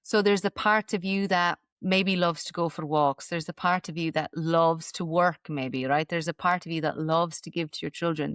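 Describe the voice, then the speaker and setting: A woman guest on a podcast talks earnestly and reflectively about mind-body healing, frequently checking in with the tag question "right?". Her lowish voice is smooth, and the studio-quality audio has no echo.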